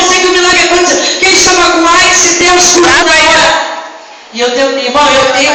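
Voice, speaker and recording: A woman with a Brazilian accent, a missionary giving a fervent testimony sermon, shouting at her peaks. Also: very high voice, noisy background. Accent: Brazilian Portuguese. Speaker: missionary preacher. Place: church hall, indoors. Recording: echoey hall, distant mic.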